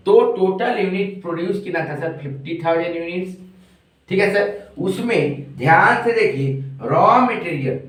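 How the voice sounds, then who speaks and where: A man teaching an online commerce lesson, speaking slowly because he is a little unwell. He keeps asking questions and answering them himself. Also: high-pitched, a bit bright. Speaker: commerce tutor. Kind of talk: online lecture working through a problem. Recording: very echoey room, distant mic.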